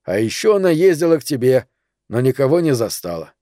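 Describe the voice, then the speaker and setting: A man's voice: medium pitch, sing-song, brisk, dark tone, dry recording, studio quality, lightly acted. A man voicing a blunt, cowardly male friend who scolds and swears impatiently. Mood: exasperated.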